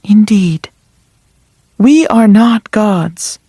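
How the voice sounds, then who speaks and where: A woman voicing a calm ancient female spirit who speaks in a measured, formal way. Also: medium pitch, breathy edge, no echo, studio quality, pitched below the performer's own voice, full character voice. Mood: solemn.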